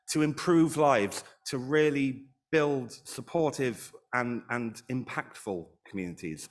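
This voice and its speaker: A man chairing a panel at a live event, upbeat and gently self-deprecating as he introduces the speakers. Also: fairly high pitch. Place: large event hall with an audience. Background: audience murmur.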